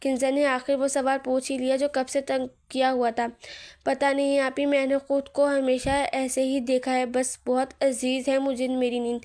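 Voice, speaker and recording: A woman reading a romantic novel aloud, voicing the quoted dialogue in her own voice at an even, unhurried pace. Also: high voice. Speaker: novel reader.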